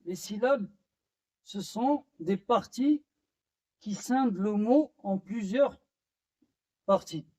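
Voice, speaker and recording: Very slow, halting male French teacher. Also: sits high, mellow, rough recording. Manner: slow, halting delivery with pauses and fillers. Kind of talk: slow classroom-style lesson.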